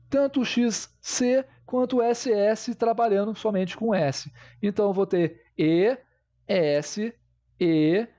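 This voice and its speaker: A man's voice: high-pitched, a little mellow, highs cut off. A man teaching a grammar lesson, explaining step by step and checking in with his viewers.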